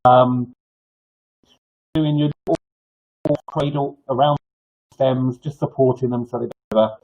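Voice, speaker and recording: Dull lo-fi recording, older man, husky toothless speech, slightly slurred, halting and rambling, informal live advice, mid-pitched. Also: steady tone. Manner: halting, rambling delivery with false starts and repetitions. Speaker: gardening clinic host. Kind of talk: informal live advice, answering viewer questions. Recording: dull, lo-fi sound.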